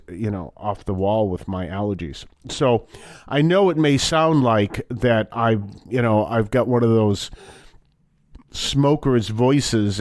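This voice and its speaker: A man's voice: fairly low pitch, no room sound. A middle-aged or older man from Massachusetts with a wheezy voice, wheezing from allergies as he hosts a casual, rambling religious talk. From Massachusetts, United States. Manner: rambling, animated storytelling with acted-out quotes. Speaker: religious talk show host. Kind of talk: casual, conversational faith talk.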